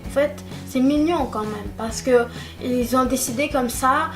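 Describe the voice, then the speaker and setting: A woman's voice: sits high, a little slow, music in the background. A woman vlogger chatting casually and directly to her subscribers, repeating words for emphasis, recorded at home at night on a camera-mounted mic. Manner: repetitive, keeps stressing "vraiment"; talks straight to the viewer. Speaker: YouTube vlogger. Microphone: camera-mounted shotgun mic.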